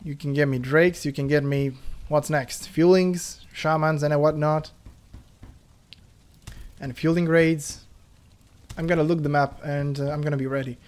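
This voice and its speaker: A man giving excitable let's play commentary, laughing and talking to himself as he plays. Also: on the high side, unhurried. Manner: excitable, laughs, talks to himself while playing. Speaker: gaming YouTuber. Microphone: headphones on, desk mic.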